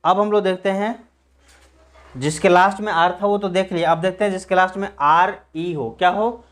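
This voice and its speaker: During a pronunciation lesson, this English teacher speaks in a slightly high, steady voice. He drills words slowly, spelling each one out letter by letter, and answers the questions he puts to the class himself.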